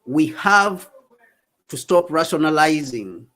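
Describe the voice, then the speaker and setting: A man's voice: fairly high pitch, expressive, slow, bright, forceful tone. A man from South Africa giving impassioned, repetitive political commentary as co-host of a livestream. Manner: emphatic, repetitive, rallying tone. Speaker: co-host of a Pan-African talk stream.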